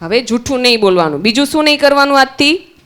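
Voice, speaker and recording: A woman's voice: high voice, animated, quick pace, a bit bright, clean tone. A woman with a Gujarati accent, teaching young children at a summer camp, asking them questions and answering them herself. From Gujarat, India.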